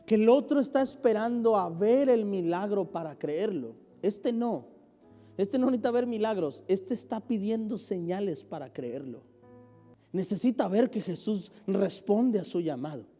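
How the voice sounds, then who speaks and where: A man's voice: high-pitched, a little mellow. A man with a Mexican Spanish accent preaching a sermon as pastor, calling on the congregation to repeat phrases after him. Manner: preaching with call-and-response. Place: church sanctuary. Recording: echoey church hall with music.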